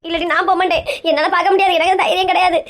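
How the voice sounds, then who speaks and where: A woman's voice: very high voice, little pitch movement, rapid-fire. A woman with an acting a distraught, scolding wife in a comedy skit, wailing melodramatically.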